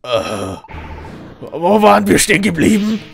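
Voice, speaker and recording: Man doing a slow menacing mine-lord Pokémon. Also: high-pitched, very animated, creaky, husky, pitched above the performer's own voice, heavily acted. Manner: slow, drawn-out threatening delivery.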